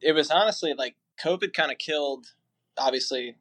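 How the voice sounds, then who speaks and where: A man's voice: fairly high pitch, a little fast, a bit bright. A young man from the Philadelphia area, guesting as a musician on a podcast. He talks in a loose, rambling way, with plenty of fillers. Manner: rambling, easygoing, lots of fillers. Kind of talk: casual interview.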